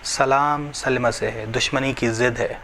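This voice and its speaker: A man's voice: medium pitch, steady tone, unhurried, vocal fry, pushed and bright, slight background noise. A man teaching a religious lesson, explaining each point, repeating phrases and reciting scripture. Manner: repetitive, explanatory, asks and answers his own questions.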